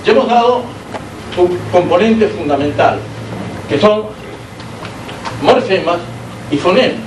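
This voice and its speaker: A man's voice: high voice, lively intonation, a little slow. A man from Peru with a Peruvian Spanish accent gives an academic lecture as a university lecturer. He explains things step by step and keeps checking in with his listeners through rhetorical questions. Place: lecture hall. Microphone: amplified by a sound system, recorded from the room. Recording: echoey hall, distant mic, faint hiss.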